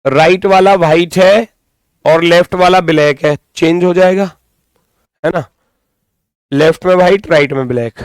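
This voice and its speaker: A man teaches a live exam coaching class informally, thinking aloud, giving directives and repeating phrases for emphasis; his throat is strained as he recovers from losing his voice. His voice is on the high side, clear and resonant, a little slow with frequent pauses, with no room sound.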